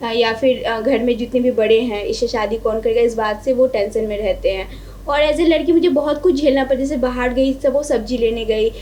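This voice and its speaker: A woman's voice: fairly high pitch, moderate pace, darkish tone, slight background noise. A young woman from Bihar, India, speaking as an interview guest. She explains her points one at a time and keeps checking that the listener is following. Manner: earnest, explains step by step, often checks in with "ठीक है?". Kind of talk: conversational interview.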